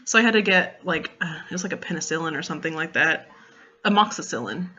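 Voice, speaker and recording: Young woman just chatting away on her vlog, bright punchy voice, acts out what people said, kinda muffled audio. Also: sits low, quick pace. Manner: animated, filler-heavy retelling with quoted dialogue. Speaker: vlogger. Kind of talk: casual storytelling vlog.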